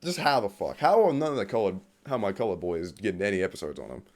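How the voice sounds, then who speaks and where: A man's voice: on the low side, expressive, quick pace, a little mellow. A man ranting off the cuff in a profane, exasperated way, laughing at times and reading from his notes as he talks. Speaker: vlogger. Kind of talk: unscripted rant about a TV series.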